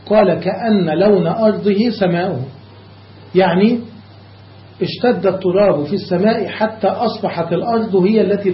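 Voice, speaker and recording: High-voiced male grammar teacher. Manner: explains step by step, checks students follow; slows down on examples. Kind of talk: classical grammar lesson. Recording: echoey lo-fi room recording.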